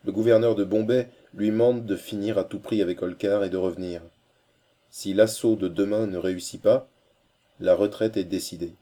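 A man reading a novel aloud as audiobook narrator, in a measured, steady storytelling way. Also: on the low side.

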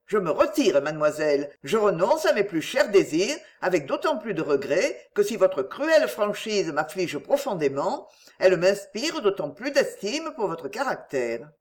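A woman's voice: mid-range voice, big pitch swings, moderate pace, a little mellow, lightly acted. A woman voicing a courteous young nobleman who speaks formally and gallantly. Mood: courtly.

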